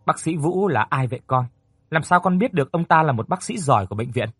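A tearful, fretful mother , as a male storyteller puts her on, her pitch lifted above his usual voice. She frets and pleads in a husky, dry tone. The storybook reading stays close to the mic. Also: expressive, a little fast, a bit bright, dry recording, full character voice. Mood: curious. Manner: anxious, fussing, pleading. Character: worried, tearful middle-aged mother.

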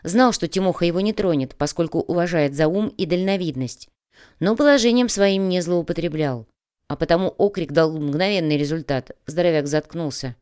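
A woman reading a crime audiobook as narrator, in a measured, even manner. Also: lowish voice, clean tone. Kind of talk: scripted narration.

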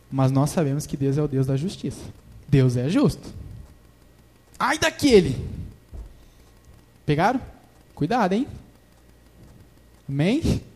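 Young male preacher, high animated voice, slangy and informal in a church service. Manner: informal, slangy, lively storytelling. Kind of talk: casual sermon.

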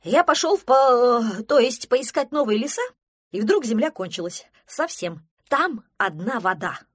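A panicky male woodland creature from a storybook, loud, breathless and frantic, as a woman puts him on. His voice is husky and dry. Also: on the high side, expressive, a little fast, no echo, pitched above the performer's own voice. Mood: panicked. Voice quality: yelling, breathless.

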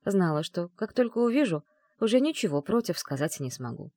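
A woman's voice: lowish voice, very animated, brisk, dark tone, no room sound, clean studio sound. A woman voicing a feisty young bride from another world, whiny and exclaiming. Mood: tender.

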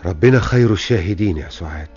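A middle-aged Egyptian father in an old radio play, talking fast with a lively, swinging pitch. His voice climbs when he is upset. Faint music plays behind him on the dull, lo-fi recording. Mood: reflective, resigned. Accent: Egyptian Arabic. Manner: emotional, voice rising when upset. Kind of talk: classic radio drama.

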